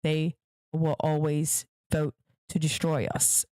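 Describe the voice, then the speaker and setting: In a deep, dark voice, she speaks slowly and in a monotone, recorded at studio quality with no echo. As host of her own podcast, she offers pointed political commentary addressed straight to viewers, repeating herself for emphasis.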